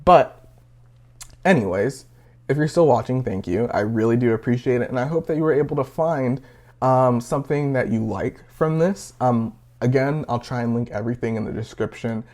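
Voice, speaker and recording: A man's voice: medium pitch, moderate pace, darkish tone. Rambling nineteen-year-old guy reviewing gear. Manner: rambling, many fillers. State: a little out of breath. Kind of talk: casual product review.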